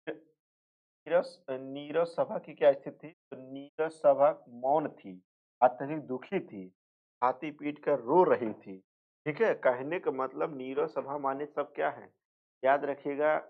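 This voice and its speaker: Male teacher, tinny phone-like sound. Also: mid-range voice. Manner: repetitive, asks and answers his own questions; slips into rural dialect for jokes. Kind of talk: exam revision lecture.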